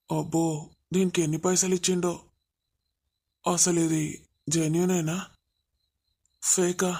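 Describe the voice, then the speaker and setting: A woman's voice: on the low side, darkish tone, natural voice. Woman voicing a bossy, scheming household man. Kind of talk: animated family drama dialogue.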